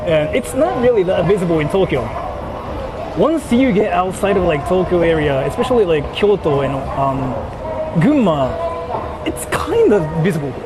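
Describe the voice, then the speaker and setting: Speaking at a normal speed with big pitch swings, a higher-voiced Japanese man chats with livestream viewers while out in public. He rambles, repeats himself, and says "like" constantly, and loud urban traffic ambience fills the recording.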